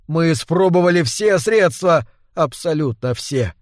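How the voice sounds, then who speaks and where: A man voicing a composed doctor who calmly reassures his frightened friend. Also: fairly high pitch, measured pace, no room sound, studio quality. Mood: reassuring. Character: composed male doctor, shaken but steady. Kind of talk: audiobook character reading.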